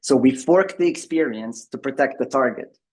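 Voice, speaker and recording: During a video-call members' meeting, a man delivers a conference-style tech talk. His voice is mid-range and his speed normal, and his delivery is full of fillers and restarts.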